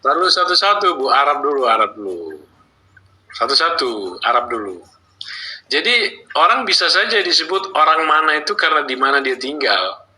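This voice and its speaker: Bright-voiced man calmly moderating a debate. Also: a little high, normal speed, rough recording. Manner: calm, steering, conciliatory. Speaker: host and moderator.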